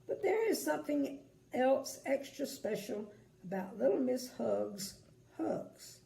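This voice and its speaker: A sweet old lady reads a bedtime story at a slow, gentle pace. Her voice is very creaky and mellow. She adds small asides for young listeners in a roomy space. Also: high-pitched, very animated. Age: older. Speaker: grandmother reading bedtime stories. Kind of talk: storybook read-aloud for small children, with asides. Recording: echoey room, faint background noise.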